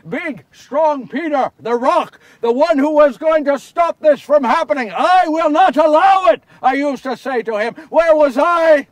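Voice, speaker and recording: Taking on the role of Simon Peter, the large and remorseful fisherman disciple, a solo storyteller recounts the Bible tale in first person. His high voice sounds close to everyday speech, dry with no echo, though recorded from a distance. He's earnest, confessional and theatrical, moving between hushes and shouts.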